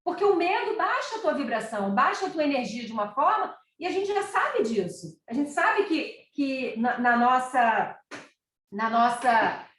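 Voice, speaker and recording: A woman's voice: high voice, lively intonation, moderate pace, a bit bright. A middle-aged woman with a Carioca accent giving an informal spiritual talk, telling everyday anecdotes in a conversational way. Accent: Carioca Portuguese. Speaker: spiritual speaker. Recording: roomy sound, distant mic.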